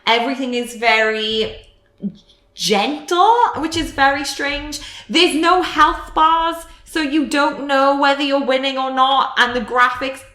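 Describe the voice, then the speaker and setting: Bright-toned woman, hesitant chat. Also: high voice, steady tone, measured pace, echoey room. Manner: hesitant, many fillers and restarts, detailed opinions. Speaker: podcast co-host. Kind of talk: casual chat, game review.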